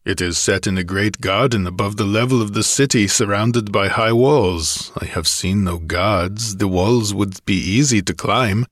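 Blunt young barbarian warrior, plain-spoken, deep voice, read by a male narrator. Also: unhurried, few pauses, fairly bright tone, dry recording, studio quality.

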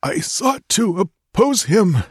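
A man's voice: high voice, very animated, slow pace, husky, no room sound, studio quality, pitched above the performer's own voice, heavily acted. A man voicing a wounded warrior who is dying, gurgling and choking out urgent warnings. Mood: desperate dying. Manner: gurgling, choked urgent pleading.

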